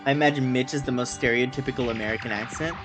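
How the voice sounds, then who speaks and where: A man's voice: mid-range voice, steady tone, rapid-fire. A man reading a visual novel game aloud as dramatic narration, with casual asides. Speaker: amateur voice reader of a visual novel. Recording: music behind the voice.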